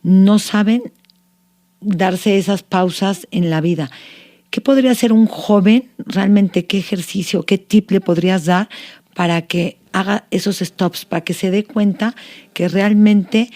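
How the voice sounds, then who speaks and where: A woman's voice: medium pitch, fairly even intonation, unhurried, warm tone. A woman hosting a podcast who asks the guest long, searching questions and restates what she has heard. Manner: inquisitive, restates and builds longer questions. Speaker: podcast host. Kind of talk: interview questions.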